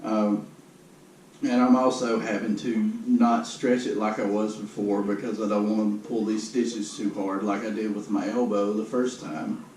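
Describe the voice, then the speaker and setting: A man's voice: fairly low pitch, flat delivery, unhurried, darkish tone. A man giving a casual video update in a downbeat, resigned, matter-of-fact way. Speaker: vlogger giving a personal health update. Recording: roomy, noisy, distant camera microphone.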